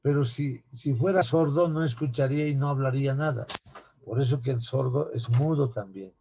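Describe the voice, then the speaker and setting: Lecturing man, mellow, muffled lo-fi sound. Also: medium pitch, moderate pace, a little hiss or hum. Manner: rhetorical questions, addresses students as "jóvenes". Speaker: anatomy lecturer. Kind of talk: classroom lecture. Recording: dull lo-fi classroom recording.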